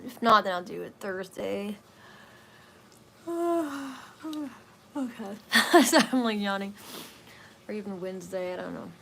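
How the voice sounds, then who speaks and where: Woman, wellness stream host; soft, relaxed, rambling casual chat full of fillers, faint background hiss. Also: medium pitch, vocal fry. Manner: rambling and hesitant, many fillers.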